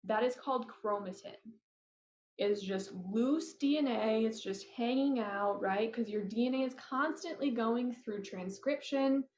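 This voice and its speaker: Chatty woman lecturer, fairly high voice, walking through slides; dull, echoey recording. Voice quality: flat, robotic-sounding delivery. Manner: casual, chatty, apologetic asides. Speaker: teacher. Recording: roomy, dull lo-fi mic.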